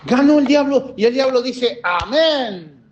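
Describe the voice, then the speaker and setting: A high-pitched man preaches a sermon. He pleads with passion, his voice swelling and dropping. The recording is dull and lo-fi. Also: animated, a little slow, slight background noise. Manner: impassioned preaching, swings between loud and soft. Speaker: pastor. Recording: dull lo-fi sound.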